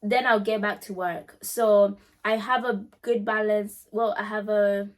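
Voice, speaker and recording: A woman with a mid-pitched voice talks casually to her audience as a vlog host. She addresses listeners directly and leans on repeated phrases to drive her points home, in an emphatic, conversational style. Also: steady tone, a little slow. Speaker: pageant winner and vlog host answering questions. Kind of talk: casual chatty Q&A talk to viewers.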